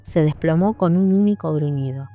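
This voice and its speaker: A woman narrating an audiobook in a measured, sombre reading. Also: sits low, mellow. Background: faint music.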